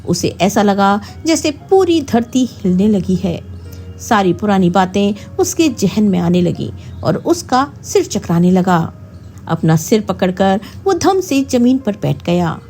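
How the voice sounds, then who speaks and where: A woman's voice: mid-range voice, big pitch swings, a little slow, dark tone. A woman storyteller reading a scripted, dramatic narration. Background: faint music.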